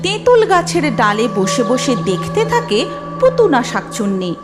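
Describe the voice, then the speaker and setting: A woman narrating a cartoon folktale in an expressive, sing-song storytelling manner. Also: high-pitched, normal speed. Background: music.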